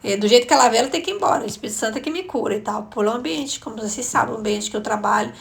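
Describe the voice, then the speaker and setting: A woman in her thirties telling a lively personal testimony to her listeners, often calling out to them directly. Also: on the high side, very fast, gravelly. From Brazil. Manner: animated storytelling, often addresses listeners as "gente". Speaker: intercessor.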